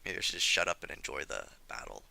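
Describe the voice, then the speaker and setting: A slightly hoarse young man commenting on his strategy game as he plays, chatty and scolding himself for his mistakes. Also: very deep voice, lively intonation, fast, sharp tone, no room sound. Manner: self-critical, chatty, thinking aloud. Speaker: gameplay commentator. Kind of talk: let's play commentary.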